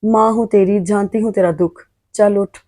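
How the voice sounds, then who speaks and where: A woman voicing a gentle, protective older mother in an audio novel. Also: medium pitch, fairly even intonation, moderate pace, close to an everyday voice. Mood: tender.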